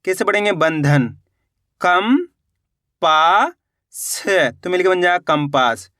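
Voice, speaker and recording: A man teaching reading, sounding out each syllable slowly and patiently and landing lower on each finished word. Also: bright, forceful tone, dry recording, studio quality. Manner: patient, repetitive, drops pitch on each answer word. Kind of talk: spelling out syllables slowly for learners.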